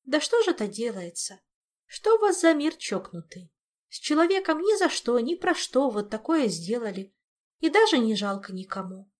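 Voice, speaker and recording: A woman's voice: sits high, sing-song, moderate pace, pitched above the performer's own voice. Woman doing an exasperated, bewildered young woman. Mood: dismayed. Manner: agitated, shouting in dismay.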